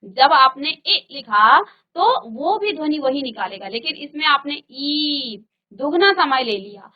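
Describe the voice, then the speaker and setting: A woman teacher leads a virtual classroom lesson in a high voice, going through the material step by step. She stops to put questions to her students. The recording sounds dull and lo-fi. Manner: explains step by step and quizzes students.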